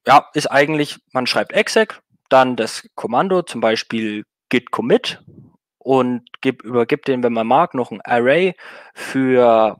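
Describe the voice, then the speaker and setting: A man giving a technical talk at an online meetup, loose and conversational, stopping to fix his own words. His voice sits at an ordinary pitch. The sound is dry and close, with no room around it. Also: no room sound. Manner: relaxed, many fillers and self-corrections. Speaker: meetup speaker.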